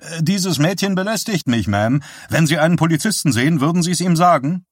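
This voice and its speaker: A man's voice: on the high side, expressive, fairly quick, no echo, studio quality, pitched above the performer's own voice. A man voicing a teasing young man who spins mock-serious tall tales. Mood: playful.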